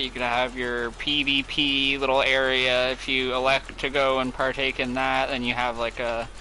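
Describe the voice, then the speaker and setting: A young man talks over his gameplay in a bright, forward voice, thinking out loud about ideas for the game. He rambles loosely and fills his sentences with filler words. A faint hiss of noise sits under the voice. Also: mid-range voice, low-quality recording. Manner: rambling, filler-heavy brainstorming. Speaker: gamer. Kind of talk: casual gameplay commentary.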